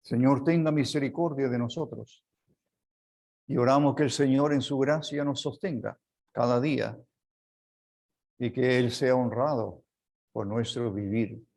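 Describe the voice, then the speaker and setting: A man with a Chilean Spanish accent preaching a sermon as pastor, earnest and unhurried, closing in a quiet prayer. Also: mid-range voice. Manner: slow, earnest preaching that drops to a soft prayer.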